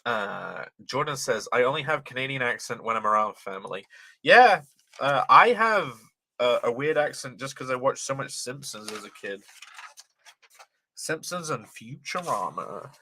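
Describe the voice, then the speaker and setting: At medium pitch and normal speed, his very animated voice has a sharp tone and a breathy edge. He's a young Briton whose light accent leans somewhat transatlantic, chatting casually on a livestream. He reads chat aloud, swears freely, and laughs a lot.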